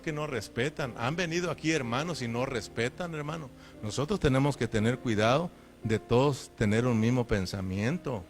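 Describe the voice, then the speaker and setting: Emphatic pastor preaching over music. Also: male voice, mid-range voice. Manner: emphatic, keeps addressing listeners as brother, asks rhetorical questions. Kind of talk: sermon. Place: church.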